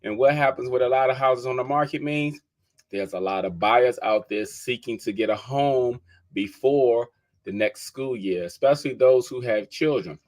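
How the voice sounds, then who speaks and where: Speaking at normal speed in a medium-pitched, slightly mellow voice, this DC guy hosts a podcast and works as a real estate agent. He keeps things casual and conversational, says "y'all" often, repeats his numbers to stress them, and keeps sneezing.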